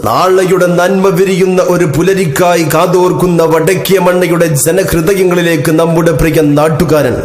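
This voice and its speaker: Male election announcer, Kerala Malayalam accent, high register, declamatory scripted delivery, very echoey sound. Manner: declamatory, flowery, formal appeals. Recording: echoey reverberant announcement over music. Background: music.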